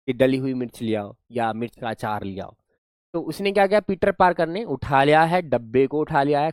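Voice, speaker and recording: A man's voice: a little high, no echo, studio quality. A man teaching a grammar lesson, encouraging the class, repeating sounds again and again and praising answers. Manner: lively, encouraging, drills sounds by repeating them.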